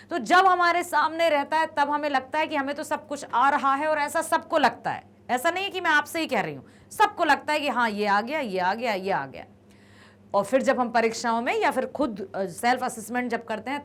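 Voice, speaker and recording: A woman teaching a grammar lesson, explaining patiently and repeating each word slowly. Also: sits high, a bit bright.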